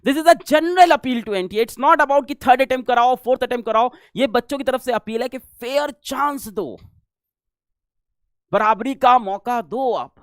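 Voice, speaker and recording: A man from India, an online teacher, making an urgent and emphatic video appeal and reading headlines out slowly. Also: very high voice, smooth, no room sound, studio quality.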